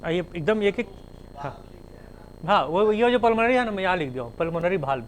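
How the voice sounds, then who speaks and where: Male lecturer, slightly high voice, methodical classroom delivery, spells terms out, faint room noise. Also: animated, brisk, poor audio. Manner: spells terms letter by letter, explains with everyday examples. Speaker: teacher.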